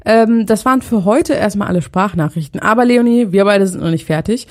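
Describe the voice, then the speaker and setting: A woman co-hosting a casual podcast, leading a guessing game with a teasing, easygoing manner. Her voice sits at a middling pitch and her talk stays conversational. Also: a little fast, darkish tone. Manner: playful, teasing quizmaster. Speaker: podcast co-host. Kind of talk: casual chat, running a quiz game.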